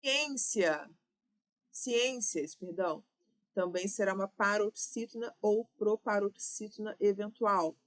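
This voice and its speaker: A woman's voice: mid-range voice, takes it slowly. A woman with a Brazilian Portuguese accent, teaching an exam-prep grammar lesson, explaining step by step and checking in with "ok?" and "né?".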